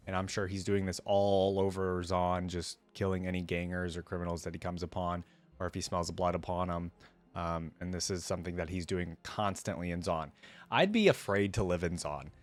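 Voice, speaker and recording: A man with a low voice hosts a reaction video, speaking casually and directly to his viewers in a conversational style. His talk mixes relaxed reaction commentary with story passages read aloud, and the audio has no echo.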